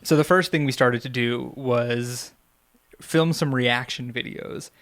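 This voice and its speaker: A man's voice: medium pitch, takes it slowly, a bit bright. A man co-hosting a podcast, telling stories in a rambling, casual way with lots of fillers. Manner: rambling, filler-heavy storytelling. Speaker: podcast co-host. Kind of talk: casual chat.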